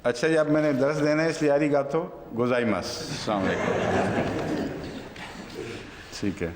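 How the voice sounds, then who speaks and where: A man's voice: a little high, lively intonation, background noise. Man teaching in a reverberant hall. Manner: conversational, breaks off to quiz a helper. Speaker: religious teacher giving Quran commentary. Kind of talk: unscripted sermon-like lesson to a gathering.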